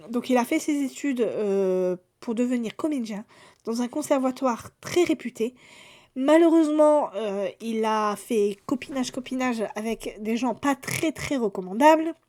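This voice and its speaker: A woman's voice: on the high side, lively intonation, a little slow, mellow. A woman chatting casually through a book haul, summarizing plots with fillers and restarts. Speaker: book vlogger.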